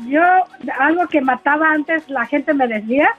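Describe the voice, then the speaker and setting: A woman's voice: sits high, normal speed, faint music behind. A woman calling in to a radio show, chatting openly about herself. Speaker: caller. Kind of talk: casual radio call-in chat. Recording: tinny phone line.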